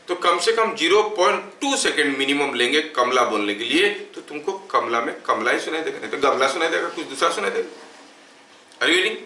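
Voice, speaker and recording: An Indian man teaches physics in a slow, deliberate lecture, repeating phrases and stopping to check that everyone follows. His voice is bright and a little high for a man. The camera catches him from a distance in an echoey room with a faint hum of ambience. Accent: Indian English. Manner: slow dictation-paced explaining, repeats phrases, checks understanding. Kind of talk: classroom lecture.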